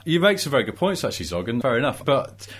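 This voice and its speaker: Male panellist, mid-pitched voice, dry and wry, relaxed conversational delivery. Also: fast. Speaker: panellist on a motor racing show. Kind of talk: casual chat.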